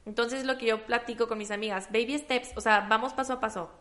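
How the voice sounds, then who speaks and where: A woman on a panel, speaking in a measured way and mixing in English phrases. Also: fairly high pitch, fairly even intonation, fairly bright tone. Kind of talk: casual panel talk.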